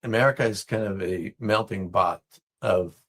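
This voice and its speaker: A man from Israel, a business guest answering interview questions in a thoughtful, measured way with many fillers. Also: on the low side, a bit bright.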